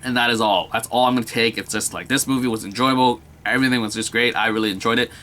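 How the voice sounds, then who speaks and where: A man's voice: mid-range voice, steady tone, fast, bright, forceful tone. Gushing young man reviewing a movie. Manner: enthusiastic, rambling, many filler words and repeats. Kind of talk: casual video movie review.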